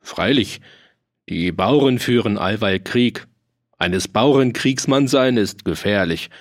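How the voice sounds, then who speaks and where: A man's voice: lowish voice, animated, slow. A man voicing a cheerful, roguish male mercenary with a dialect, jovial and teasing. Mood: jovial boastful. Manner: jovial, teasing, bursts of laughter.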